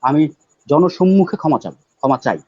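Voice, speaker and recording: A man speaking as a guest poet on a live talk show, loud and emphatic, repeating words for stress. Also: a little high, very animated, normal speed, no room sound. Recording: dull, dry lo-fi audio.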